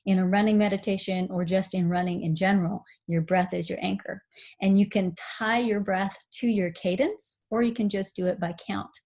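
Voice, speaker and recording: A woman giving a recorded seminar on mindful running, explaining calmly with frequent fillers. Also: mid-range voice, moderate pace. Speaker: running instructor.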